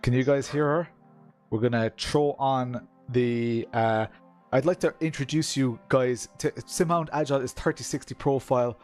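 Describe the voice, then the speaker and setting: A man's voice: mid-range voice, fairly even intonation, moderate pace, a little mellow, soft background music. A man with a west of Ireland Kerry accent hosts a live stream, chatting casually and reading out comments from viewers. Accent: Irish, County Kerry in the west of Ireland.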